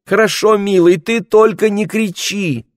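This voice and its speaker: Man playing a high-voiced fussy mother, soothing, absent-minded, storybook reading. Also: fairly even intonation, a little slow, dry recording, clean studio sound. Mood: soothing, fussing. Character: fussy soothing mother, middle-aged woman.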